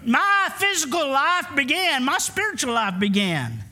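In a church, a pastor in his fifties preaches a sermon with great emphasis, calling out for answers from the congregation. His voice is very high, pushed and bright, very animated, and delivered at a measured pace.

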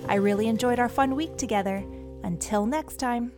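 A woman with a slightly high voice narrates a children's story as its host. Her delivery is gentle and encouraging, in a scripted, storytelling manner. Faint music plays softly behind her. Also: moderate pace.

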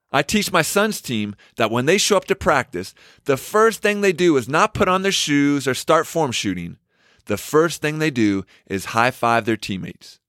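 A man who coaches basketball, giving an energetic, emphatic motivational talk. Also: mid-range voice, no room sound, clean studio sound. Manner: energetic, emphatic, shouts catchphrases.

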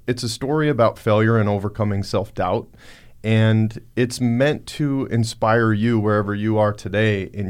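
A man's voice: lowish voice, darkish tone. A man hosting a podcast, talking earnestly with many fillers and restarts. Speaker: podcast host. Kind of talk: casual podcast talk.

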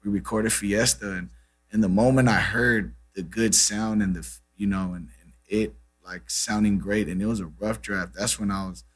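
This guest musician is a man in his thirties from Brazil whose first language is Portuguese. Chatting casually in an interview, he speaks at normal speed in a husky, lowish voice with fairly even intonation, relaxed and peppered with "you know" and "man."

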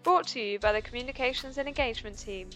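A woman's voice: fairly high pitch, quick pace, a bit bright, soft background music, poor audio. A woman reading a polished, scripted introduction to a podcast. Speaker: podcast announcer.

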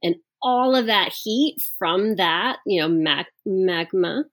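A woman's voice: medium pitch, expressive, slow, fairly bright tone. A woman who is a science guest on a podcast, talking casually with plenty of fillers. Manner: loose and chatty, many fillers.

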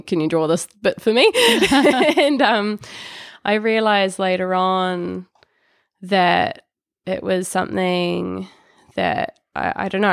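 A woman's voice: on the low side, gravelly, dry recording, clean studio sound. A woman, an artist guest chatting in an interview, laughing often and restarting her sentences, still recovering from an illness. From New Zealand. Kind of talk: interview conversation.

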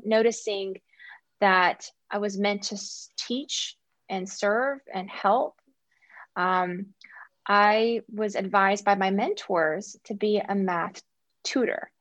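A woman's voice: medium pitch, no echo. Enthusiastic woman guest, dry sound. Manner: enthusiastic, earnest. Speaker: guest, math coach. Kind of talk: casual interview talk.

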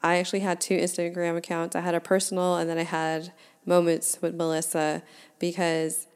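A woman's voice: on the low side, monotone, a little fast, a little mellow, clean tone. A woman in her twenties hosting her own podcast, talking candidly and chattily and laughing at herself. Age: 20s. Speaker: podcast host. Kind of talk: casual solo podcast talk.

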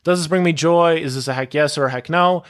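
A man's voice: a little high, fast talker. A young man hosting his podcast alone, talking casually and going off on tangents, with lots of "like" and "dude.". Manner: rambling, goes off on tangents, full of "like" and "dude". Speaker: podcast host. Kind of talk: casual solo podcast monologue.

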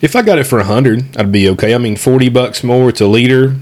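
A man's voice: medium pitch, fast talker, a little mellow. A man with an Eastern Kentucky accent hosting a casual whiskey review chat.

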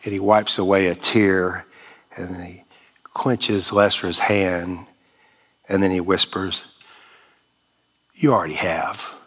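Slow husky-voiced male preacher. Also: low-pitched, flat delivery, a bit bright. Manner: measured, emphatic preaching with long pauses. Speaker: pastor. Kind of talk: sermon.

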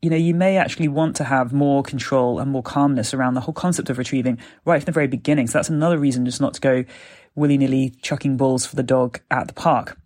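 A man's voice: mid-range voice, steady tone, fast, darkish tone. A British man hosting a casual solo podcast, chatting and explaining into a phone voice recorder like an unedited dictaphone recording. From Britain. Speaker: podcast host and gun dog trainer. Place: parents' house. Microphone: mobile phone voice recorder.

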